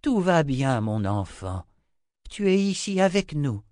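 A man voicing a fiery, stubborn old male wizard in a dry audiobook reading, his pitch pushed up and gruff. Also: normal speed, no room sound, close to an everyday voice. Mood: soothing. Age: older.

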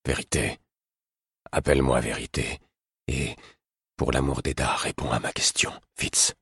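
Man playing a tired grave old king, very deep, husky, dry close sound. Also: slow, bright, forceful tone, no echo, full character voice. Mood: weary. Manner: low, weary and grave. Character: weary grave aging king.

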